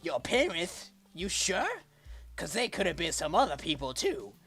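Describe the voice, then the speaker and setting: Nerdy young schoolboy, loud and overeager, pitched a bit high as a streamer puts him on; game voice. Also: male voice, sing-song, moderate pace, slightly rough, faint music behind, exaggerated voice. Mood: eager. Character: nerdy, twitchy young male student.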